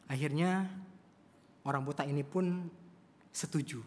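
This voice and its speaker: Male preacher telling a story in church, slightly high voice, big hall echo. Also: a little slow, darkish tone. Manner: addresses the congregation often. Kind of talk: sermon storytelling. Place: church service. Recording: long church hall reverb.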